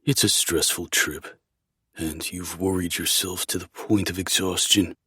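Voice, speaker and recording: A deep, husky immortal warrior, voiced by a man in an audiobook, speaking in a low, level monotone. His lines are calm and literal, and they land close and dry with no room around them. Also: a little slow, no echo, full character voice. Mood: calm, caring. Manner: flat monotone delivery. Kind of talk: audiobook dialogue.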